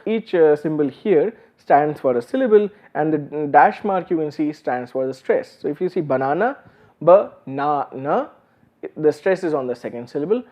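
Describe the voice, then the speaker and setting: A man's voice: a little high, lively intonation, normal speed, few pauses, a little mellow. A man giving a university lecture, explaining step by step with many "uh"s and restarts. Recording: slightly dull lo-fi recording.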